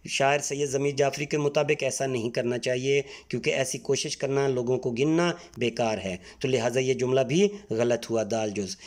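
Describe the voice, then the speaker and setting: A man's voice: mid-range voice, fairly even intonation, few pauses. A man from Pakistan, teaching a textbook exercise patiently and spelling words out letter by letter. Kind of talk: Urdu textbook exercise lesson.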